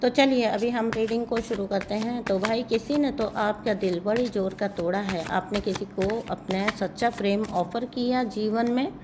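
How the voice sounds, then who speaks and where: A woman tarot reader and healer chatting casually with her viewers, giggling often, her voice starting to go hoarse. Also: medium pitch, fairly even intonation, moderate pace, hardly any pauses, background noise. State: voice going hoarse.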